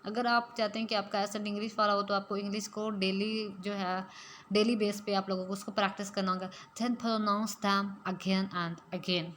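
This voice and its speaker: A woman's voice: mid-range voice, little pitch movement, fairly bright tone. Woman teacher, faint hiss. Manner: explains slowly and mixes in English phrases. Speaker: English teacher. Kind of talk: spoken English lesson.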